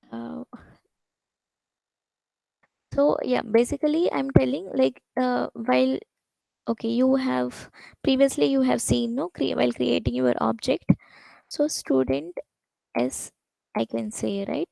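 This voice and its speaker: A woman with a high voice full of heavy vocal fry leads a programming lecture. She talks fast and circles back on herself with fillers, and the sound is dry and close, with no room around it. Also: dark tone, no room sound, low-quality recording. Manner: explains with many restarts and "basically", "like" fillers. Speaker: programming instructor.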